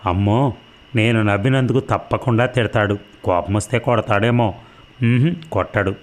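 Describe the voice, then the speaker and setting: A man reading a novel aloud as an audiobook narrator, in a steady storytelling manner. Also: on the low side, moderate pace.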